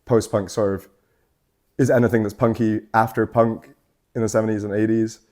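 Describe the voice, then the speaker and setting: A man's voice: lowish voice, flat delivery, normal speed, darkish tone. A young man from Scotland, a guest artist in a tattoo shop, chatting casually in a loose, rambling way full of fillers and swearing. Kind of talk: casual chat.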